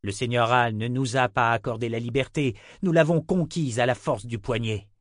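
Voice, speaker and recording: A man voicing an angry burly blacksmith, forceful and scolding. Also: mid-range voice, moderate pace, no room sound, clean studio sound, close to an everyday voice. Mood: stern.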